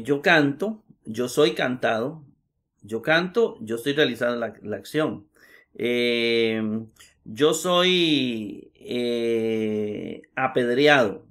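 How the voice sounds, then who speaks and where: A middle-aged male teacher gives a recorded grammar class. He talks at an ordinary pitch, goes slowly, and repeats every example with frequent "eh" hesitations. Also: gravelly. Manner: slow, patient, repeats examples with many "eh" fillers.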